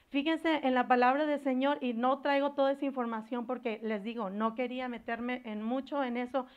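A woman preacher giving a fervent sermon, pausing to search for words and building into loud exhortation. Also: high voice, highs cut off. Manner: searches for words aloud, slips into English words.

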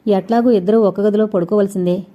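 A woman's voice: mid-range voice, steady tone, a little fast, dull audio, close to an everyday voice. A woman voicing an eager, protective young man.

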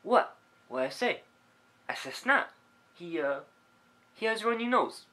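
A man's voice: high-pitched, very animated, bright, forceful tone, voice pushed up, full character voice. A man doing a brash New York tough guy. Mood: menacing. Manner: brash, threatening, quick.

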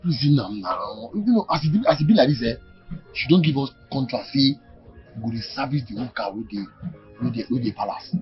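A man with a Nigerian accent playing an excitable, scheming mechanic in a Nollywood film. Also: mid-range voice, fast talker, natural voice. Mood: persuading. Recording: dull film audio with music.

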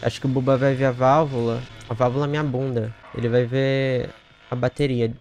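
A man streaming a horror game, commenting as he plays, muttering one moment and shouting shrilly the next, swearing often. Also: little pitch movement, fairly quick, soft background music. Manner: profane, swings from muttering to shrill yelling. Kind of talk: live gameplay commentary.

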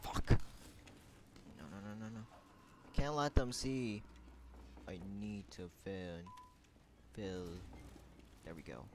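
A man giving casual, profane commentary while playing an online shooter, muttering to himself and then bursting out yelling. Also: fairly low pitch, expressive, takes it slowly, pauses often, background noise. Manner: profane, swinging from mutters to yelled outbursts.

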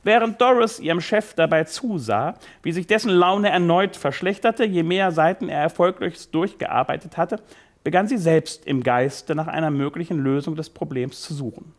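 A man reading from his own book aloud, lively storytelling with the occasional slip. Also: a little high, normal speed. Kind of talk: live literary reading.

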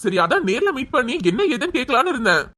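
A woman's voice: high-pitched, sing-song, fast, heavy background noise. A woman voicing a concerned young male friend in a cartoon serial, talking in an anxious, urging way. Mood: worried.

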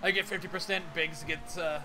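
A man's voice: fairly high pitch, fairly even intonation, fairly quick, music in the background. A man bantering casually on a game stream, blunt and sweary, directing his teammates. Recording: noisy game sound behind.

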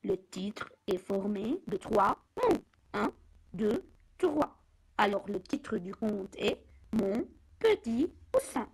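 A woman teaching young children from a picture book, speaking slowly and deliberately, repeating words and counting aloud. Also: medium pitch, sing-song, a little mellow, slightly rough, rough recording.

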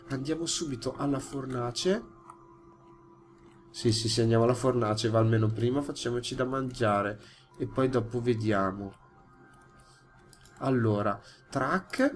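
A man's voice: mid-range voice, a little hiss or hum. A young man with an Italian accent commenting live on his gameplay, jumpy and easily startled, chatting to his viewers. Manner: jumpy, yelps when startled, talks to viewers. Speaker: gaming YouTuber.

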